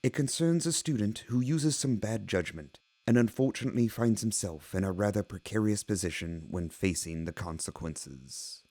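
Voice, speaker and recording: A man playing a genteel horror anthology host, narrating scripted tales in a measured, theatrical, vintage style. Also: on the low side, mellow, no room sound, lightly acted. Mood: storytelling.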